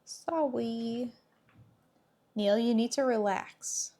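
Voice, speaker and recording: A woman's voice: medium pitch, steady tone, takes it slowly, a little mellow. A woman hosting a livestream, chatting casually with her viewers. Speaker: live streamer hosting.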